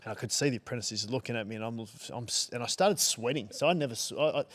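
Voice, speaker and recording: Australian man, middle-aged, podcast guest, chatty storytelling, swears and laughs, medium pitch. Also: fast talker. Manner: lively anecdotes with swearing and laughs. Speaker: guest, hairdresser and salon owner.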